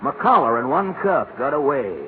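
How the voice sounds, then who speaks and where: A man's voice: mid-range voice, lively intonation, moderate pace, natural voice. An actor playing an aggrieved old Santa Claus in 1940s radio comedy, telling his woes in folksy, ungrammatical speech. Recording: noisy narrow-band 1940s radio recording.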